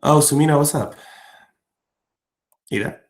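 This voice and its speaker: Hosting a live trading stream, a man with a slightly high voice chats loosely with viewers and friends at an unhurried pace. His casual talk is packed with fillers and slang.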